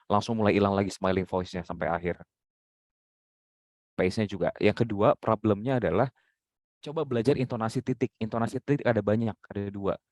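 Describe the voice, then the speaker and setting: A man's voice: fairly low pitch, no room sound. A man mentoring journalism students, giving direct, instructive feedback and demonstrating intonation himself. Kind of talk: coaching critique.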